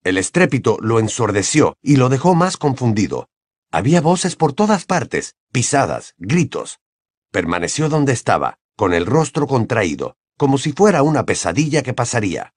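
A male audiobook narrator reading in an expressive, dramatic style. His mid-pitched voice moves with a lively melody and sounds dry and close to the mic. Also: moderate pace, no room sound. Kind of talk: scripted narration.

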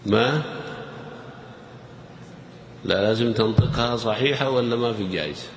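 A man's voice: mid-range voice, normal speed. A man teaching a grammar lesson, quizzing his audience in a playful, teasing way. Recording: echoey hall with faint noise.

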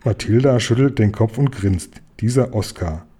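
A man narrating a children's story in a calm, even way. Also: on the low side, moderate pace, slightly rough. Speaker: audiobook narrator.

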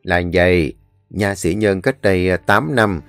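A man's voice: low-pitched, unhurried, clear, resonant tone, no echo, soft background music. A man voicing a stern, protective elderly village landlord with a firm, commanding manner. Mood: explaining.

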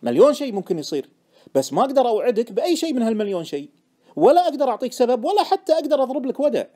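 A stubborn, matter-of-fact trader, played by a male narrator. He repeats his answers firmly, his voice raised a little, lively and brisk, with a dark, mellow tone. Audiobook storytelling. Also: high-pitched, pitched above the performer's own voice.

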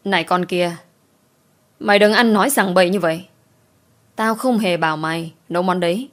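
A woman's voice: lively intonation, brisk. A woman voicing a spiteful scheming house servant who talks rudely and defensively. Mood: defiant. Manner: shrill, rude, defensive.

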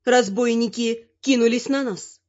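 A woman's voice: a little high, unhurried, dull audio. Woman narrating a fantasy audiobook.

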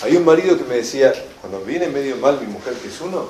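Animated Rioplatense man lecturing, echoey room. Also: mid-range voice, fast, a little hiss or hum. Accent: Rioplatense Spanish. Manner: animated storyteller, acts out shouted quotes. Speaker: enneagram teacher. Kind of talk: lively seminar lecture.

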